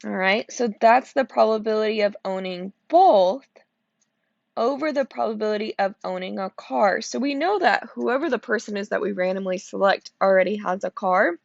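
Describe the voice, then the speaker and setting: A woman's voice: mid-range voice, normal speed, vocal fry, no room sound, lo-fi sound. A woman teacher walking through probability problems step by step, sleepy and checking in with "okay?" as she goes. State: sleepy, yawning. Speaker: math teacher. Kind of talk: recorded classroom lesson walkthrough.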